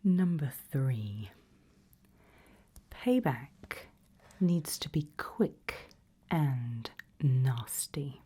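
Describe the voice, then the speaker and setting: Soft, breathy whispers and low murmurs come from a woman playing a politely sinister, calm HR interviewer for an evil organisation in an ASMR roleplay. Her delivery is expressive yet deliberate and measured, with pauses.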